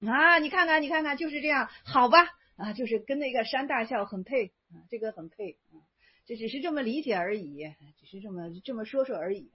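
A woman's voice: fairly high pitch, animated, brisk, slightly rough. A woman giving a chatty, casual spoken lecture on Zen Buddhist stories, repeating herself with lots of fillers. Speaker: Buddhist teacher. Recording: dull lo-fi recording.

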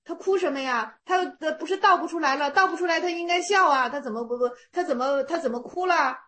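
A woman explaining Zen koans, chatty and animated, reading classical text slowly. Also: high voice, slight background noise. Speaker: teacher.

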